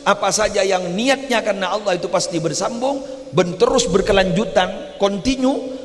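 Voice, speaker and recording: Madurese man, humorous sermon, slightly high voice, loud animated bursts, long hall reverb. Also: normal speed. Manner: swings between low asides and loud animated exclamations. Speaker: preacher. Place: large mosque hall.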